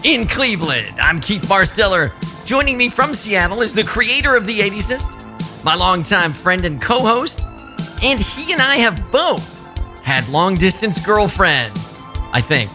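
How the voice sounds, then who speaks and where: A man co-hosting a podcast in casual chat, animated and quick to laugh. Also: music in the background. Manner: animated, laughs often, swoops up in pitch. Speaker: podcast co-host.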